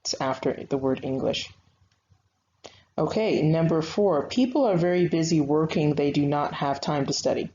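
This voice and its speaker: A woman's voice: low-pitched, normal speed, dark tone. Patient woman teaching grammar online. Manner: patient, conversational teaching with frequent fillers. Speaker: writing instructor. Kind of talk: recorded online grammar lesson. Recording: slightly dull lo-fi sound with faint noise.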